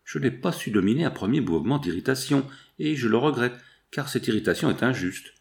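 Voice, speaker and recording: A man reading the part of a guilty, scheming millionaire father in a storybook, speaking low and guarded. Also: lively intonation, a little fast, creaky. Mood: hushed. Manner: hushed, guarded.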